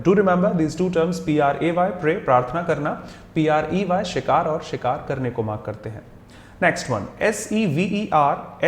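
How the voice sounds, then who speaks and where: A man's voice: on the high side, reverberant. Indian man teaching English words. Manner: explanatory, switches between Hindi and English, spells words out letter by letter. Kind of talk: video grammar lesson.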